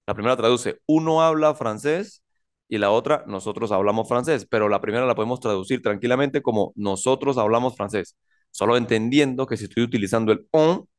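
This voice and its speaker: A man teaching a French grammar class in a slow, deliberate lecture, often repeating himself and checking in with his students. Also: mid-range voice.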